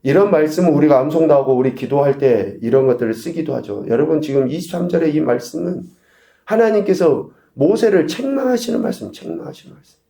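A male pastor preaching a sermon, asking the congregation rhetorical questions and swinging between loud emphasis and quiet asides. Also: fairly high pitch, lively intonation, fairly quick, gravelly, reverberant. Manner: preaching with rhetorical questions and sudden shifts in volume. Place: church sanctuary.

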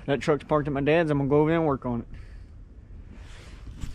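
A man's voice: fairly high pitch, a little fast, slight background noise. A young man talking casually through his farm work, rambling as he goes. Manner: relaxed, rambling, talks while working. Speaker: farm vlogger. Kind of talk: casual first-person workshop vlog. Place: outdoors on a farm and in a workshop.

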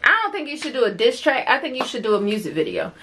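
A woman's voice: high-pitched, big pitch swings, quick pace, a bit bright, a little hiss or hum. A woman chatting casually for a vlog, teasing and laughing as she tells stories. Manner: teasing, laughs often, playful storytelling. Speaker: vlogger. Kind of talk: casual chat.

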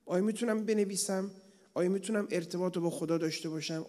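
Guy cleric lecturing, voice sits pretty high, lots of rhetorical questions, long echo from a big hall. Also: warm tone. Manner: rhetorical questions, plain everyday examples. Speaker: cleric lecturing at a religious retreat. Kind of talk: conversational religious lecture. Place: large prayer hall of an Islamic center.

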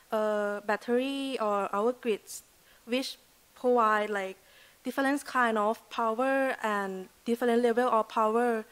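A woman in her twenties from Thailand with a Thai accent gives an earnest student presentation at a podium microphone, with loose grammar and many "like" fillers. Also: a little high. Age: 20s. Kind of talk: prepared presentation speech. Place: lecture hall at a podium.

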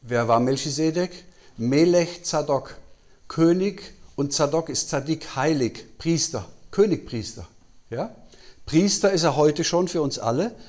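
A man's voice: fairly high pitch, expressive, a little slow, darkish tone. A man giving a Bible teaching at a conference, putting questions to his audience, answering them himself and often tagging "ja?". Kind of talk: sermon-style Bible teaching. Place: conference hall.

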